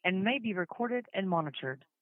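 A recorded announcement voice played over a prison phone line, stating call notices in a flat, recorded way. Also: medium pitch, normal speed, dry recording. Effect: automated prison phone call announcement.

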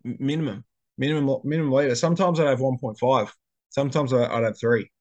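Aussie guy on a podcast, medium pitch, tells stories, repeats himself for emphasis. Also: fast, lo-fi sound. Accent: Australian. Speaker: podcast co-host. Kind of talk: casual chat, storytelling.

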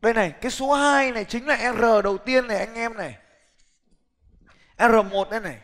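A middle-aged man giving a lively, blunt motivational business seminar talk, challenging the audience directly. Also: very high voice, fairly quick. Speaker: seminar speaker. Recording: long hall reverb.

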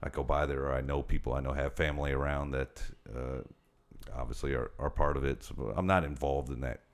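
A Detroit comedian guesting on a podcast chats casually and tells stories, animated and laughing as he delivers jokes. His voice is a rumbling low and fairly quick.

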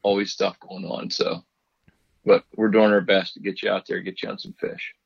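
A middle-aged fishing guide talking on speakerphone in an easygoing, folksy way, chatting casually on a podcast. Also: male voice, low voice, flat delivery, moderate pace, vocal fry, breathy edge, no echo. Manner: easygoing, folksy, laughs often. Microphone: phone on speaker. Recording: dull speakerphone line.

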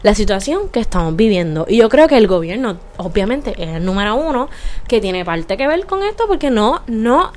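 A woman's voice: medium pitch, big pitch swings, moderate pace, a little mellow. A young woman with a Puerto Rican accent, ranting profanely in a casual monologue and slipping into English words. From Puerto Rico.

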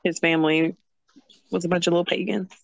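A woman's voice: lowish voice, flat delivery, fairly quick, gravelly, no room sound, muffled recording. A woman in casual Bible study talk, chatty and laughing often as she retells scripture. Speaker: study group member.

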